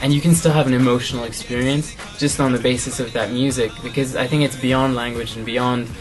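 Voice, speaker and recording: A young man from Canada, a singer, answering interview questions in a relaxed, thoughtful way with many fillers. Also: medium pitch, brisk, over music. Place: music studio, indoors.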